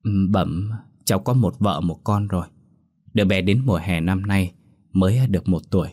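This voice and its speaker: A man's voice: low voice, normal speed, slightly rough, no room sound, studio quality. A man voicing a polite young husband and father in a ghost story. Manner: polite, then shouting.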